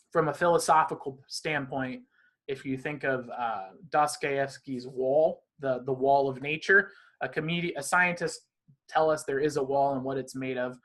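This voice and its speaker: A man's voice: mid-range voice, a bit bright. A man being interviewed as a magician, talking animatedly in long, rambling runs of casual conversation. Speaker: magician guest.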